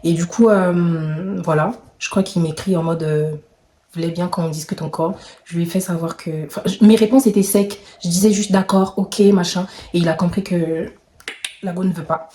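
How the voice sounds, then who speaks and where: A young woman telling a storytime in casual chat, animated and slangy, shifting between loud exclamations and whispers. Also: lowish voice, moderate pace, echoey room, slight background noise. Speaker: vlogger.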